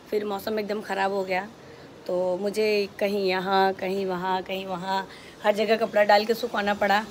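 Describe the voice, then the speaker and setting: A woman's voice: on the high side, a little hiss or hum. A woman chatting casually to her viewers in a home vlog, walking through her day at home, now and then turning to her small child. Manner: chatty, narrates her day to viewers, switches to sing-song baby talk with her child. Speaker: home vlogger and mother. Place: home indoors.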